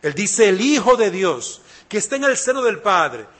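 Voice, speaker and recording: A man's voice: high voice, very animated, normal speed, fairly bright tone. A man preaching a sermon, emphatic and repeating key phrases, speaking straight to the listener. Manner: addresses listener directly.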